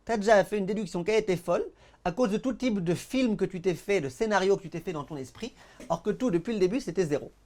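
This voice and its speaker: A man's voice: high-pitched, fast talker. A man, a rabbi, giving a Torah lesson to an audience, telling stories and acting out the dialogues. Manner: animated storyteller, acts out dialogues; addresses the audience directly. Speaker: rabbi teaching a class.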